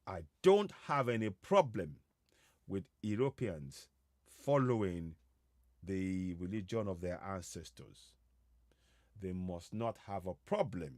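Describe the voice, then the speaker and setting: An online broadcast host, originally a Yoruba speaker from Yorubaland, West Africa, addresses viewers live in an advocacy monologue. His lowish voice comes out slowly and haltingly, full of repetition and hesitation, and the studio recording is clean with no room sound.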